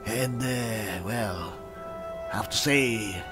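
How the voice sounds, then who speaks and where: Man playing a bright-voiced hearty barbarian adventurer. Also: on the low side, very slow, soft background music. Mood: bawdy, amused. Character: hearty barbarian adventurer, a loyal, bawdy comrade. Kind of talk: improvised game role-play.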